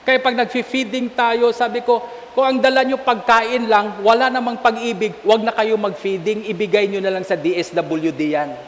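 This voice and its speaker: Filipino man, bishop's sermon, high voice, long church echo, faint hiss. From Philippines. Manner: animated storytelling, asks the congregation "Amen?". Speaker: bishop preaching a homily. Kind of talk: sermon mixing Tagalog and English. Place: large church.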